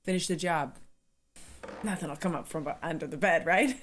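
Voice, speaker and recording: A woman's voice: fairly low pitch, animated, normal speed, a little hiss or hum. A woman hosting a horror movie reaction, chatting casually with giggly, exclaiming remarks.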